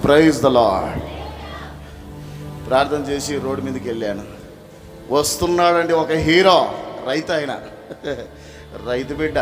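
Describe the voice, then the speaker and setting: A man preaching a revival sermon, telling a testimony and acting out the dialogue, calling the crowd to shout hallelujah. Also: medium pitch. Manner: acts out dialogue in storytelling. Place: revival meeting in a village. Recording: music playing behind the voice.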